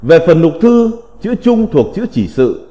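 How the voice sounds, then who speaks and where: A man teaching a slow recited vocabulary lesson, reading in a deliberate, measured way with drawn-out syllables. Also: fairly high pitch, sing-song, dark tone. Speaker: teacher of classical characters. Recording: long reverb.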